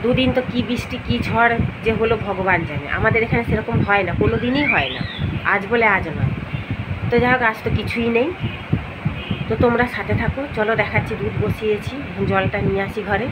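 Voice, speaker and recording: Hoarse woman walking outdoors. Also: mid-range voice, a little fast. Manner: chatty, talks straight to viewers. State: hoarse, unwell. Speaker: vlogger. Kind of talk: casual daily vlog chat. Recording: loud street and traffic noise.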